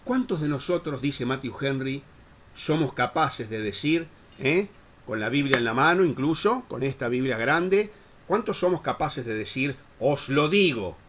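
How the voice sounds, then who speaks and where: Male Bible teacher, preaching style, lively swinging pitch, dull muffled recording. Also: moderate pace, a little hiss or hum. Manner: impassioned, full of rhetorical questions. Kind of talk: Bible class lecture, preached.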